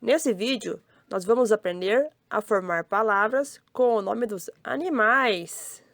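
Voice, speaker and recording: A woman's voice: fairly high pitch, takes it slowly, fairly bright tone, dry recording, studio quality. A young woman with a Brazilian Portuguese accent, teaching young children to read in a cheerful, sing-song voice, sounding out syllables one by one. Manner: cheerful, sing-song, addressing kids directly. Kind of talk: slow, syllable-by-syllable children's lesson.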